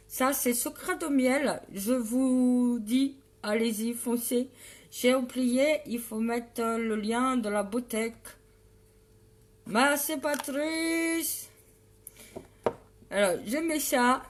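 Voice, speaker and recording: A woman hosting a live makeup tutorial in a playful, teasing way, greeting viewers by name and hamming it up loudly. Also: on the high side. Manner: loud and exaggerated, hamming it up.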